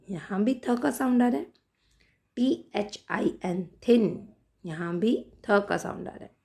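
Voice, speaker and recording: Indian woman teacher, gravelly voice, unhurried, reading English lines slowly for young pupils. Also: medium pitch, mellow. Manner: reads English lines very slowly, then explains. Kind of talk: classroom lesson explaining in Hindi and English.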